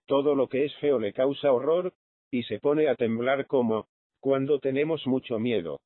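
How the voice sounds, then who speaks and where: Brief: male reader doing a gentle, caring young lady for an audiobook, lo-fi thin sound. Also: mid-range voice, moderate pace, dry recording, close to an everyday voice. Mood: tender. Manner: tender, eager, caring. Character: kind, gentle young lady of wealth, woman. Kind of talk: audiobook reading.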